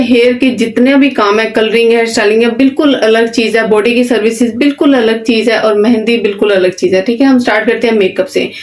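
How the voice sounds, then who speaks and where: A woman teaching an online beautician course, giving plain, direct instructions and often checking in with "okay". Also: a little high. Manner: repeats "ठीक है" often, plain simple explanations. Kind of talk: online class lecture.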